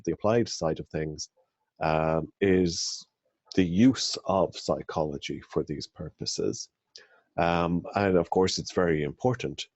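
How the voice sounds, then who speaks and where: A middle-aged man with an Irish accent, a psychology academic answering interview questions in a measured, thoughtful way, often pausing with ums and restarting phrases. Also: low-pitched, darkish tone, no echo, muffled recording. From rural Ireland.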